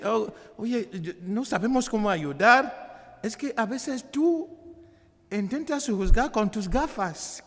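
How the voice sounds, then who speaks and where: Echo and long reverb fill the hall where a priest and author from Africa, not a native Spanish speaker, presents a book. His high voice is a bit bright, and his persuasive, preaching delivery is emphatic and halting, with phrases said again and again.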